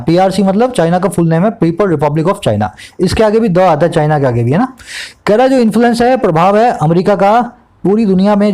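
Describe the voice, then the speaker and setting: A man tutoring English, explaining a newspaper editorial in Hindi mixed with English terms and reading the English sentences out slowly, word by word. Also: high-pitched, a little mellow, low-quality recording. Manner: teacherly, asks the class questions, reads English slowly word by word.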